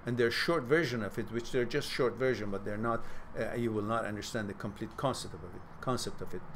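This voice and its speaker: A man's voice: fairly low pitch, fairly quick, a bit bright, slight background noise. A middle-aged man hosting a live question-and-answer stream, giving reflective advice and reading out viewers' messages. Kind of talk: casual live advice talk.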